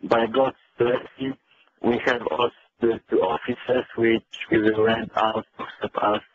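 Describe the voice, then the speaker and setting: A man from Poland with a Polish accent, reading a prepared personal statement in English in an earnest, measured and slightly halting way. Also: mid-range voice, level tone. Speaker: speaker telling his family's story. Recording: tinny lo-fi line with faint noise.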